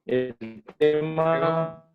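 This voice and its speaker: Un hombre participa en un panel por videollamada. Su voz llega entrecortada por una mala conexión y habla de forma vacilante. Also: male voice, on the high side, loud music behind the voice. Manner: halting, stops and restarts. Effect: bad connection, choppy and breaking up. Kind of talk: casual remarks in a panel discussion. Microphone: computer mic on a video call. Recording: muffled, choppy video call audio.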